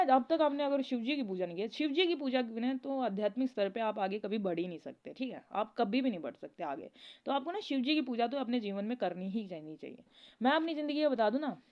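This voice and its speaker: A woman talking casually in a spiritual advice vlog, rambling and chatty, often laughing as she tells stories. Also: on the high side. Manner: rambling, chatty, keeps asking "okay?". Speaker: spiritual content creator. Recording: dull lo-fi recording.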